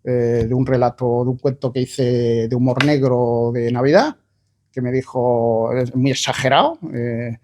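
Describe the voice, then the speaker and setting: Hesitant, thoughtful man with a mellow voice. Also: medium pitch, measured pace. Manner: hesitant, thoughtful, many fillers and restarts. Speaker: author presenting his book. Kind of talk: conversational book presentation talk.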